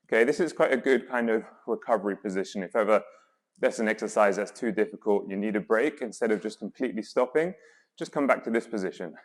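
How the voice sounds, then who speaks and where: A man's voice: lowish voice, fast. A man leading guided exercise as a workout instructor, coaching in an encouraging, reassuring way with counts and cues. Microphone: worn mic while exercising.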